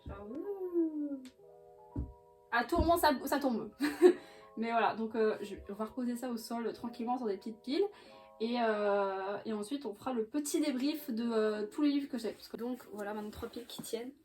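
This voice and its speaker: A young woman with a fairly high voice chats casually about her books, laughing often and tossing in little hesitations. Soft music plays quietly behind her. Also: brisk. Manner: chatty, laughs often, many fillers. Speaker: book vlogger. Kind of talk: casual chat. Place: bedroom floor by a bookcase.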